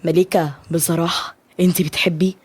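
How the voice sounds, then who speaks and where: A woman with an Egyptian Arabic accent voicing a protective, loyal young man, steady and reassuring. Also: fairly low pitch, quick pace, breathy edge, no room sound. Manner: steady, reassuring, provoking on the phone.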